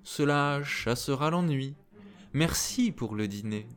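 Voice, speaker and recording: A man's voice: mid-range voice, lively intonation, takes it slowly, voice pushed up. A man reading a storybook, voicing a frail old beggar nun who whines and pleads. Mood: coaxing. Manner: whining, lamenting.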